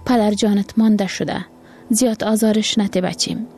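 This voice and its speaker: A woman voicing a poor, hopeful mother and wife, speaking in lively exclamations. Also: mid-range voice, soft background music, lightly acted. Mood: exclaiming.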